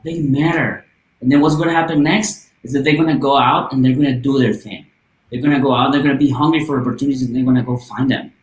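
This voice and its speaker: The Guatemalan charity volunteer talks fast in a steady, mid-range voice. His casual podcast interview comes across as earnest and passionate, full of "uh"s, with roomy echo around him.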